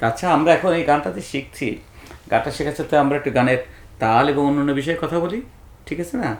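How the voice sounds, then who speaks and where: A man's voice: fairly high pitch, fast, gravelly. A man, a music teacher giving a singing lesson to children, patiently counting beats aloud and often checking that they follow.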